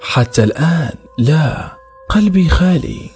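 A proud young jinn maiden, speaking with serene confidence in a lifted, lighter voice, as a male narrator puts her on. Soft music hums faintly behind the storybook reading. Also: a little high, expressive, a little slow, pitched above the performer's own voice. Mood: confident. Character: young female jinn beauty, proud and self-assured.

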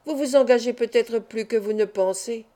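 A woman's voice: a little high, normal speed, mellow, lightly acted. A woman reading an audiobook, voicing a cheerful young male acrobat with a chatty, showman-like patter. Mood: playful.

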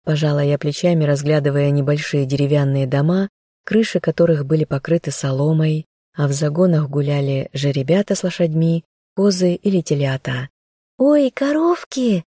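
Woman reading an audiobook, first person, steady, mellow warm voice, dry close mic. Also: deep voice, fairly quick, no echo. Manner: steady storytelling. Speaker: audiobook narrator. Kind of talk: scripted first-person narration.

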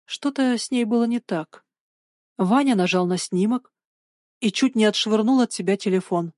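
A woman narrating an audiobook of a spooky children's story in a measured, suspenseful way. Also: mid-range voice, a little mellow, no echo, studio quality.

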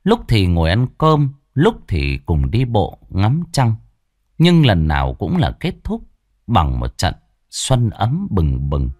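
A man narrating a horror story in a slow, dramatic, hushed manner. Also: on the low side, huge pitch swings, dry recording, clean studio sound. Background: faint music.

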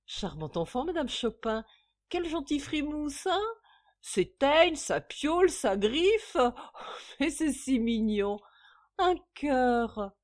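A woman voicing a sly, scheming man in a storybook reading, smooth and wry. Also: high voice, big pitch swings, slow, pitched above the performer's own voice, exaggerated voice. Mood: teasing. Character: scheming sly middle-aged Parisian man.

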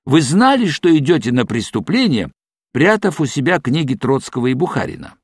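A man voicing a calm intelligence officer who asks measured, probing questions, read as an audiobook. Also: medium pitch, breathy edge, no echo, clean studio sound. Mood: pressing. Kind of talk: audiobook reading.

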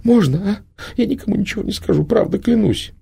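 A man's voice: sits high, lively intonation, a little fast, creaky, warm tone, husky, pitched above the performer's own voice, exaggerated voice. A man voicing a frightened plump teenage girl who whines and pleads through tears. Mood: tearful. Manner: whining, tearful pleading.

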